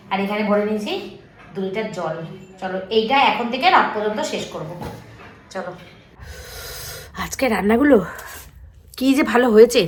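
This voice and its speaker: A woman's voice: mid-range voice, fairly bright tone, slight background noise. A young woman, vlogging to her viewers in a casual, talkative way, with plenty of fillers. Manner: talkative, addresses viewers directly, many fillers. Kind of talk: casual chatty vlog to viewers.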